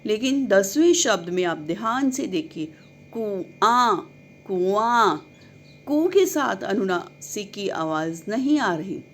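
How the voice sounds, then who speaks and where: A woman teaching a children's lesson, reading words slowly syllable by syllable and addressing the children kindly, asking and answering her own questions. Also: medium pitch, expressive, slight background noise. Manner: drawn-out syllable-by-syllable word reading.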